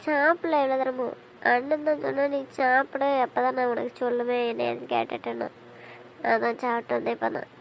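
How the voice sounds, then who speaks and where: A woman's voice: high voice, expressive, a little fast, gravelly, slight background noise, rough recording. An actress playing a young wife who pleads emotionally and insistently with her injured husband in an audio drama. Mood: sulky.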